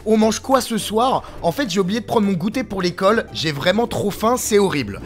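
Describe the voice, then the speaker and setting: A man's voice: high voice, expressive, fairly quick. A man voicing a cheeky, hungry teenage boy texting his mother, reading the messages in a mocking, whiny way. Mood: teasing whiny.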